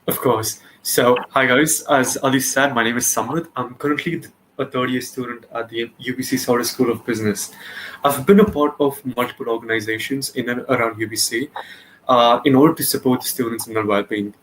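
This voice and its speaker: A man's voice: medium pitch, fairly even intonation, brisk, a bit bright, a little hiss or hum, poor audio. A young man giving a fluent, formal self-introduction as a student panelist. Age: young adult.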